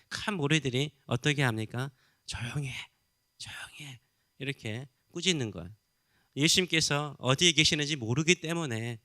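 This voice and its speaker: Korean pastor guy preaching, bright clear voice, dry close sound. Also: mid-range voice, no room sound. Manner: teaching, asks the congregation questions, acts out crowd rebukes. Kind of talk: sermon.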